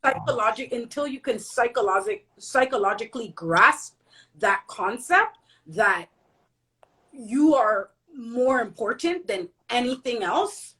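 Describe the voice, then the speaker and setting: A woman's voice: on the high side, lively intonation, measured pace, sharp tone, poor audio. A woman in a casual chat who speaks earnestly and repeats her points for emphasis.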